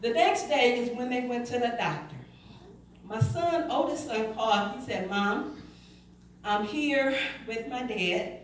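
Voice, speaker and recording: Her voice is fairly high with lively intonation, and she speaks a little slowly. This middle-aged woman recounts her testimony to the congregation, quoting others in dialogue as she acts the scenes out. It was recorded from far off in the echoey church sanctuary.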